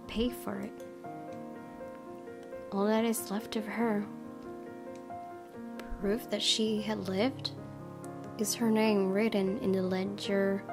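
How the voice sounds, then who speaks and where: As a let's play host, a woman with a medium-pitched voice reads a visual novel aloud in measured, earnest dramatic narration.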